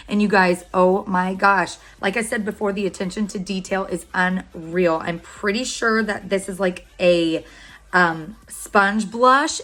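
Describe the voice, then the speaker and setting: A woman's voice: mid-range voice, a bit bright. Bubbly woman gushing over makeup. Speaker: beauty vlogger. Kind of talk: makeup unboxing and tutorial.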